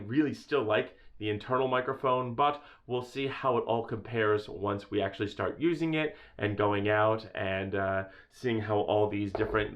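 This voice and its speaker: In a casual product review of camera equipment, a man with a deep, booming voice rambles enthusiastically, filling gaps with lots of fillers. The highs are cut off in the audio, which shifts between the built-in camera mic, a lapel mic and a wireless mic.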